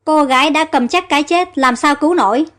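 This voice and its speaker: A woman's voice: high voice, fairly quick, a bit bright. A woman reading the lines of a worried male ship captain in an audio story.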